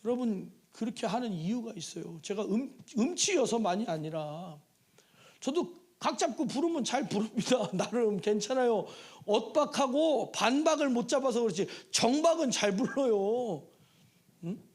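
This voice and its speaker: A man preaching a midweek sermon in a church, his voice sitting very high and leaping up and down. He throws out rhetorical questions and bursts into shouts for emphasis. He also acts out pleading prayers in a sing-song tone. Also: lively intonation, normal speed. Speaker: pastor. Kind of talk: Wednesday evening sermon. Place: church sanctuary.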